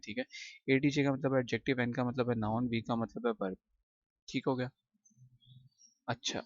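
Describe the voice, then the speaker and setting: A man's voice: medium pitch, no room sound, muffled recording. A male English teacher giving a recorded lesson, explaining each word patiently and often repeating himself. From Pakistan.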